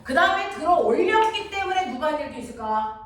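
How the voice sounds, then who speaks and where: A woman teaching a physics class, constantly checking that students follow with quick questions. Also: high-pitched, sing-song. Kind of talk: classroom lecture. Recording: very echoey room, distant mic, audible noise.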